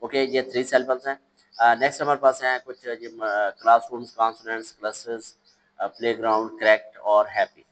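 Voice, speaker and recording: A man teaching a children's English lesson, reading English words slowly and explaining them, with hesitations and self-corrections. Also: medium pitch, level tone, a bit bright, rough recording.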